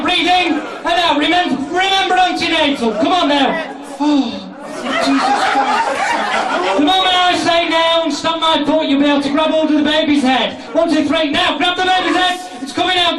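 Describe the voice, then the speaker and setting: A British man hosting a bawdy comedy hypnosis show, brash, sweary and commanding in his stage patter. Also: very high-pitched. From Britain. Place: live show in a large indoor venue. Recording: echoey crowded room, distant mic, noisy audience.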